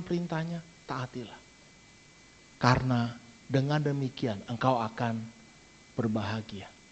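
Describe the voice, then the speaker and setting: High-voiced preaching man, lo-fi. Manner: lively preaching, often adds "saudara". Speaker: pastor. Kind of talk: sermon. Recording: dull lo-fi church stream.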